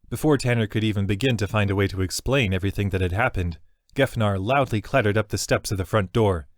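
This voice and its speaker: Low-voiced man narrating a fantasy audiobook. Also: dry recording, studio quality.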